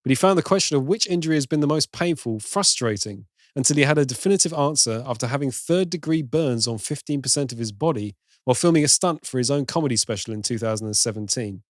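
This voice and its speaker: A man's voice: mid-range voice, lively intonation, fast talker, hardly any pauses, no echo, studio quality. A British man co-hosting a casual film podcast, reading out trivia in long runs and laughing easily. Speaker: podcast co-host.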